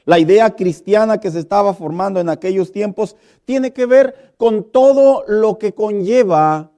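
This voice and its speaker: A pastor preaching a sermon, emphatic, asking the congregation questions and acting out little dialogues. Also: male voice, high voice, a little slow, mellow.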